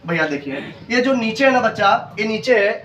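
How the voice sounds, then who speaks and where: With a high, lively voice and a slightly fast pace, an Indian male coaching teacher with an Uttar Pradesh Hindi accent leads a classroom lesson. He repeats questions and drills terms aloud with students in call-and-response. He's far from the mic in a roomy lo-fi space, with noisy students in the background.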